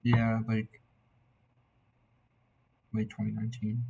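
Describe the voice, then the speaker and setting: A young man giving a casual, tipsy album reaction in a loose, meandering, slightly husky way. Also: fairly low pitch, completely flat delivery, takes it slowly, noisy background. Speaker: amateur music reviewer.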